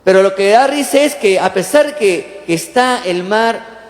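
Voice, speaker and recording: An unhurried pastor with a fairly high, lively voice preaches a sermon, throwing plenty of questions to the congregation and acting out the lines he quotes. The roomy church hall leaves a long reverb trailing after each phrase.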